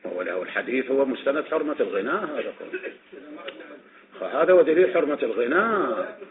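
A man's voice: mid-range voice, expressive, brisk, crowd noise. A man with an Iraqi Arabic accent teaching a classroom lecture on religious legal reasoning, posing questions and answering them himself, repeating his points. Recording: tinny phone-like recording with faint noise.

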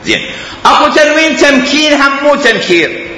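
A man with an Iraqi Arabic accent teaching a grammar class, animated and explanatory, repeating his examples. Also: extremely high pitch, brisk, slight background noise. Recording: echoey hall, faint ambience.

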